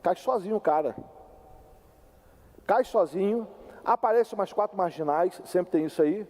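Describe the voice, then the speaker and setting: An older man preaches a sermon, his voice pitched high yet mellow. He tells a personal story in an animated, conversational way and turns often to the congregation. The sound carries a long reverb from the church hall. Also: normal speed. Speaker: pastor. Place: church sanctuary.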